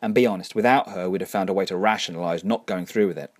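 A man's voice: sits low, fast talker. A man reading the lines of a level-headed Englishwoman with an English accent, dry and blunt. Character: blunt, steady young Englishwoman.

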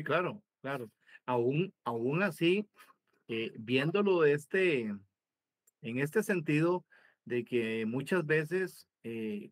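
Soft-spoken Costa Rican man pastor. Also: on the high side, dry recording. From Costa Rica. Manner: deliberate, searching for words. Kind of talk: home Bible teaching sermon. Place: home.

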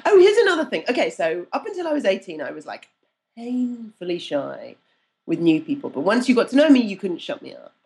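A woman coach talking on a podcast in a mid-pitched voice, lively and self-deprecating. She laughs easily and slips into little voices to act out what people said. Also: brisk, creaky. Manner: lively, acts out quotes with changed voices. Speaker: guest, networking mentor and storytelling coach. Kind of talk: casual podcast conversation.

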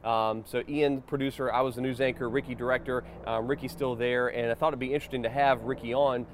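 A man's voice: medium pitch, steady tone, fast, a little hiss or hum. A man hosting a casual interview show, recorded outdoors in a backyard.

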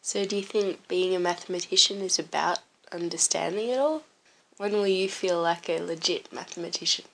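A woman's voice: fairly low pitch, normal speed, gravelly, fairly bright tone, low-quality recording. A woman interviewing casually, asking curious, probing questions. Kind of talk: casual conversation.

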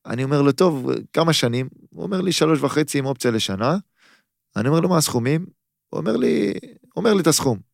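A man's voice: a little high, expressive, vocal fry, dry recording, studio quality. A man in his thirties, a footballer guest on a podcast, telling a story casually and acting out both sides of his phone calls.

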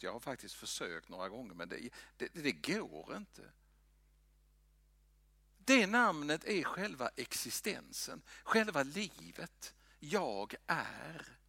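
Gravelly pastor preaching. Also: male voice, mid-range voice, no room sound. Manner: dramatic swings from loud to hushed whispers. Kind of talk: sermon. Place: church.

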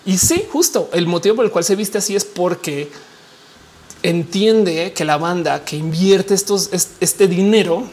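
A woman with a Mexican accent and a low voice, chatting casually to her viewers in a slangy, rambling way full of fillers. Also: a little slow, a little mellow.

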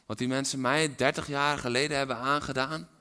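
A man preaching a sermon, dropping to hushed whispers and rising to loud, impassioned climaxes. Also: mid-range voice, fairly even intonation, brisk, smooth.

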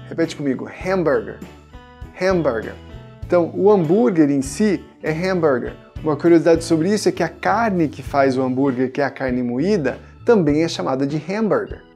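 A man's voice: a little high, a little mellow. A man in his thirties from Brazil, an English teacher giving a casual pronunciation lesson and coaching viewers to repeat words after him.

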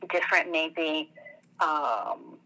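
A middle-aged woman, a guest in an interview, talking in a reflective, halting way with restarts. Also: low-pitched, animated, bright, forceful tone, poor audio. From born in Tunisia, raised in Algeria, France and the US. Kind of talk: conversational interview.

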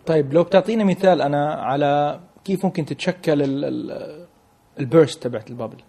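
A man's voice: fairly high pitch, fast talker, warm tone, slightly rough. A man with a Lebanese Levantine Arabic accent putting questions to a guest as an interviewer.

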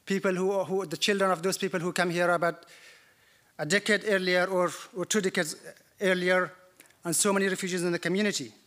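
A man's voice: high-pitched, steady tone, brisk, fairly bright tone. A man from Afghanistan speaking as a panel chair and journalist, giving earnest, formal opening remarks at a conference.

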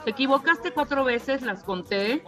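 A woman's voice: sits high, lively intonation, moderate pace, a bit bright, faint music behind. A woman co-hosting a radio show, reading humorous verse aloud and teasing playfully. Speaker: radio co-host. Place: radio studio booth. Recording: dull radio broadcast sound.

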